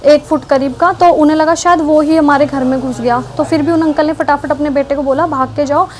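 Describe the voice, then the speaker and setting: Young woman, high voice, animated breathless storytelling, repeats herself. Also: fairly quick. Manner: animated, breathless retelling with many repetitions. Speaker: vlogger. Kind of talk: personal storytelling.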